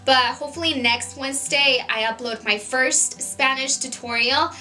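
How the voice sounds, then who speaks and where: A woman's voice: sits high, moderate pace, bright, forceful tone, faint music behind. A young woman in her twenties chatting casually on her vlog, earnest and full of "like" and "you know" fillers. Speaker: beauty vlogger. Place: home, Southern California.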